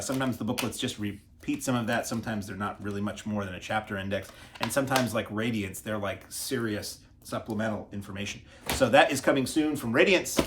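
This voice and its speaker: A man of ordinary pitch talks casually to camera from his desk at home while unboxing discs. He is chatty and self-deprecating, and he trips over foreign titles. His voice sometimes drifts off the mic as he turns away. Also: a bit bright, slight background noise. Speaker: video host reviewing disc releases.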